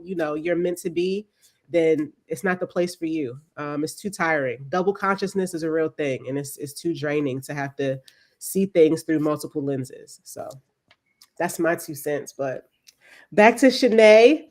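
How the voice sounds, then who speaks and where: Low-voiced woman moderating a panel. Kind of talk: panel discussion.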